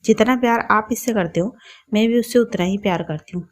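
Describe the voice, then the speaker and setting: A calm young mother , as a woman reads her in a spoken family story. She reasons politely and patiently, at an even middle pitch. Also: fairly quick, close to an everyday voice.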